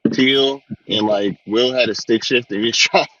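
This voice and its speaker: A man's voice: medium pitch, fairly even intonation, normal speed, bright, forceful tone, highs cut off, a little hiss or hum. A young man chiming in casually on a podcast with friends, laughing as he talks. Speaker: podcast co-host. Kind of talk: casual chat.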